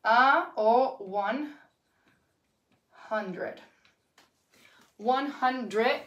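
A woman from Canada teaching English in a live online lesson, chatty and lively, repeating words for her learners. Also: fairly high pitch, drawn-out words, reverberant, dull audio.

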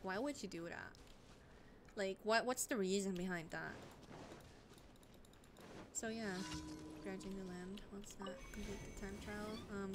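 A young woman streaming a game, chatting casually with lots of fillers and blunt swearing. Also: mid-range voice. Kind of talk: casual chat while gaming. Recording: noisy home stream mic.

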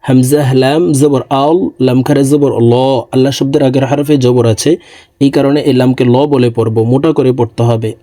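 A man's voice: medium pitch, little pitch movement, mellow, no room sound. Man spelling out a Quran lesson. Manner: spells letters and vowel marks slowly, then recites drawn-out and melodic. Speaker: Quran recitation teacher.

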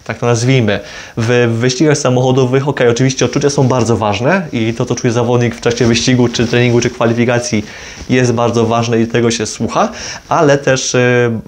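A brisk, medium-pitched man's voice with little pitch movement carries a slight hiss or hum. He's a motorsport video creator in his 20s giving an informal explainer to camera from a small plain room, lavalier clipped on his jacket, rephrasing and correcting himself as he goes.

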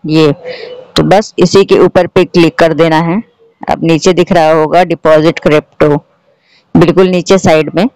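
A man's voice: on the high side, a little mellow, clean tone, dry recording, poor audio. A man hosting a tech channel, giving a plain step-by-step app tutorial over a screen recording. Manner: instructive, repeats steps plainly. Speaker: tech YouTuber host.

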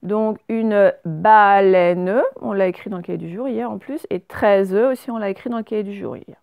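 This woman, a primary school teacher, speaks fast in a creaky, medium-pitched voice while giving young pupils a patient recorded remote spelling lesson, going through words letter by letter. The audio is dry and sounds like it came over a phone.

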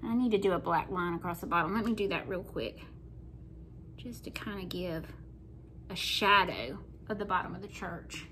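At an indoor kitchen table, a middle-aged woman with a Southern US accent talks her way through a painting tutorial, chatty and folksy as she works. Her voice is lowish and a bit bright, at a normal speed, with slight background noise.

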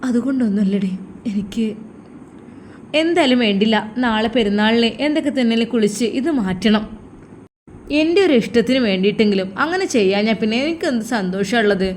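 A woman's voice: on the high side, lively intonation, fairly quick, a little mellow, a little hiss or hum, natural voice. A woman voicing a caring younger sister who talks earnestly and coaxes her sibling. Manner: earnest, coaxing.

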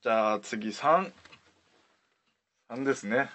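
A man's voice: mid-range voice, animated, takes it slowly, a bit bright. A male co-host on a game livestream, polite and easygoing, laughing along and keeping the segment moving. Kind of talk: casual livestream banter.

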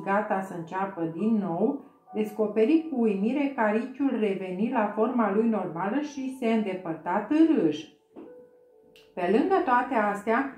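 Woman, audiobook narrator, steady storybook reading, middle pitch, echoey room. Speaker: audiobook reader.

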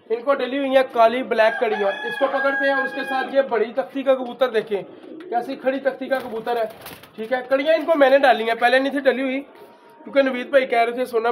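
A man from Pakistan who breeds and sells pigeons, talking loudly and emphatically as he shows birds to his viewers, repeating the same stock phrases. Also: very high-pitched, steady tone, brisk. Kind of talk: casual handheld show-and-tell. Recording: faint background noise with pigeons.

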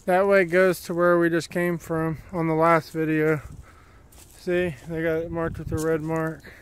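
A plainspoken man chats as he walks a wooded trail, filming on a handheld phone. His voice sits a bit high and stays level, with a clear, smooth tone. He rambles casually from one thought to the next. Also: level tone, measured pace. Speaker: vlogger. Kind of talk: casual walking commentary. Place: wooded dirt trail outdoors. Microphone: handheld phone camera while walking.

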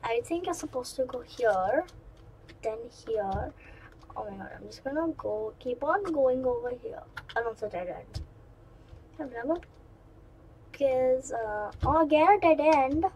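A high-pitched woman narrates her game run as she plays. She is chatty and excitable and keeps wandering into asides to her viewers. A soft patter of keyboard typing sits faintly behind her. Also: measured pace, long pauses, slight background noise, rough recording. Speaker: gaming channel host. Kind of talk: let's-play commentary.

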